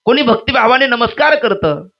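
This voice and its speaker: A man's voice: extremely high pitch, fairly quick. A man, preaching a devotional storytelling sermon and acting out the characters in his tales. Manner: lively storyteller acting out characters, chanting refrains. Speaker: kirtan preacher. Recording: dull lo-fi sound.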